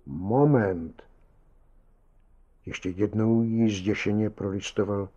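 Low-voiced male audiobook narrator. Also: mellow, lo-fi sound. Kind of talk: audiobook reading.

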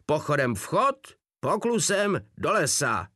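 A man's voice: a little high, big pitch swings, pushed and bright, dry recording, studio quality, voice pushed up. A man voicing a pompous Prussian army captain who shrieks orders and loses his temper. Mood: furious. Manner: shrieking, losing control.

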